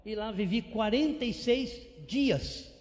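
A man preaching a missionary sermon with animated, repetitive emphasis. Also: sits high, slow pace. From São Paulo state, Brazil. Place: church sanctuary. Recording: long church reverb.

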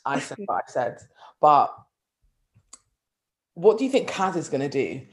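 A young woman from North London with a London accent, co-hosting a casual chat, blunt and animated, swearing freely. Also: low voice, unhurried. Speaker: podcast co-host.

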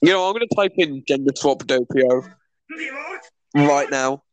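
A man's voice: medium pitch, a little slow, a little hiss or hum, low-quality recording. A man co-hosting a podcast in casual chat, joking and laughing, often stumbling and restarting his words. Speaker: podcast co-host.

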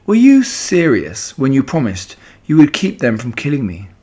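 A man's voice: medium pitch, huge pitch swings, moderate pace, a little mellow, breathy edge, pitched above the performer's own voice. A man voicing an anxious, eager young pig in a children's story, pleading earnestly and full of questions.

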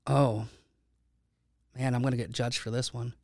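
A man's voice: mid-range voice, flat delivery, unhurried, gravelly, a little mellow, dry recording, studio quality. A man hosting a podcast, talking casually with many restarts and fillers. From United States. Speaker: podcast host. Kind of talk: casual chat. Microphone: studio microphone.

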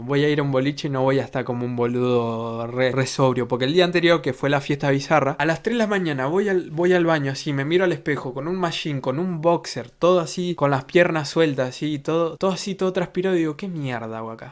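Young man, Rioplatense Argentine accent, slightly high voice, casual vlog storytelling, crude slang, acts out quotes. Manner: crude slang, animated retelling with acted-out quotes. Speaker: vlogger.

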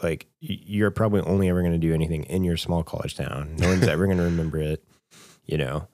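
Studio-quality and echo-free, this clip has a young podcast co-host speaking fast in a low, darkish, steady voice. He chats casually, rambling with plenty of fillers and restarts.

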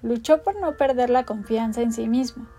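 A woman narrating a storybook with an expressive, theatrical delivery. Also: a little high, moderate pace, slightly rough.

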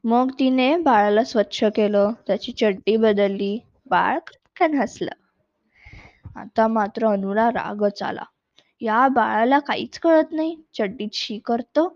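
A woman storyteller reading a children's storybook aloud in an expressive way. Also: a little high, slow pace, no echo. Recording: dull lo-fi recording.

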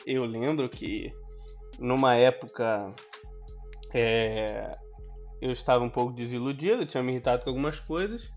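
A man's voice: medium pitch, normal speed, long pauses, faint music behind. A Brazilian man in a casual chat, joking around and telling an anecdote in a laid-back way. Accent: Brazilian Portuguese. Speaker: podcast co-host.

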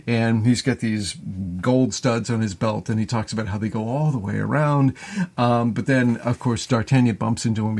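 A man's voice: fairly low pitch, darkish tone. A man co-hosting a podcast, recapping a classic film in casual, rambling talk full of fillers and restarts. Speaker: podcast co-host.

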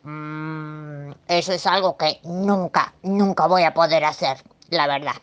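A woman's voice: fairly even intonation, clear, resonant tone. A woman voicing a greedy, stubborn male monster in a storybook, with a Rioplatense accent, munching and chomping. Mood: low, glum. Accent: Rioplatense Spanish. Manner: munching, stubborn, slow in the low lines. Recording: dull lo-fi recording.

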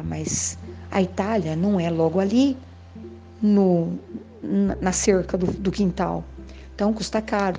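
An older woman, telling memories at home in a gentle, musing way, with soft laughs and little asides to the listener. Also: on the low side, dull audio. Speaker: vlogger. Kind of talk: reflective storytelling monologue. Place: home, indoors.

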